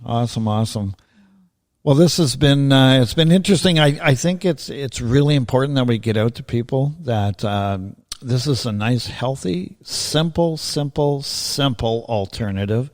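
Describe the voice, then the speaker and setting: A man hosting a relaxed podcast interview, talking easily with plenty of fillers, restarts and the odd casual swear. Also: mid-range voice, normal speed. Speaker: podcast host.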